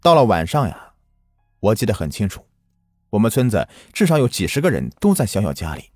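A man's voice: fairly low pitch, darkish tone, no echo, clean studio sound. A man narrating a first-person ghost story in an earnest manner, recounting a village memory from his childhood.

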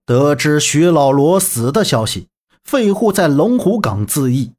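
Narrator for a historical serial, slow, lively pitch, husky voice. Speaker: storyteller.

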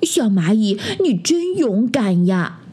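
A woman's voice: medium pitch, big pitch swings, slow, mellow, slightly rough, full character voice. A woman voicing a chubby little bear cub who cries at everything, with a whiny, childlike voice. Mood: amazed.

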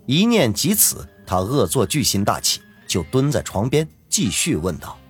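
Dramatic male audiobook narrator, husky. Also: medium pitch, wildly swooping pitch, normal speed, faint music behind. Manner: dramatic storyteller. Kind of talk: serialized web-novel narration.

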